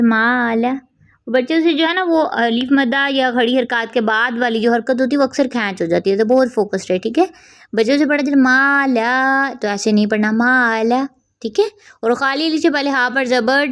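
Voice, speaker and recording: A woman teaching Quran recitation rules step by step, patiently repeating and demonstrating sounds slowly. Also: a little high. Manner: patient, repeats "theek hai" between drawn-out demonstrations. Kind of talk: tajweed lesson with demonstrations. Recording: dull lo-fi audio.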